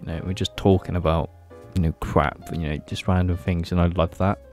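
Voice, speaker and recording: He has a deep, darkish voice that barely shifts in pitch and moves at a brisk clip, with faint music behind it. A podcast co-host in his twenties, he rambles drunkenly and repeats himself as if on whiskey, speaking into a boom-arm mic in a small padded attic room.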